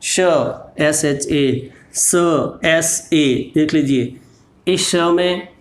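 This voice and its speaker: Slow, patient male teacher, echoey. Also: on the high side. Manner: patient, spells letters out one by one. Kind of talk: slow explanatory lesson.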